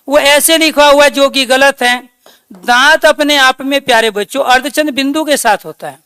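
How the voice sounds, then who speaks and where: A woman teaching a grammar class, speaking slowly and dictating points, posing questions to her students and then answering them. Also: high voice, a bit bright, clear, resonant tone, no room sound, studio quality. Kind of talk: online class lecture.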